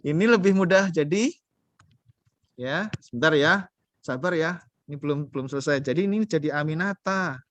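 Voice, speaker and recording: A man's voice: fairly high pitch, expressive, normal speed, long pauses, fairly bright tone. A man teaching a beginner Arabic class online, patient and coaxing, quizzing his students as he goes.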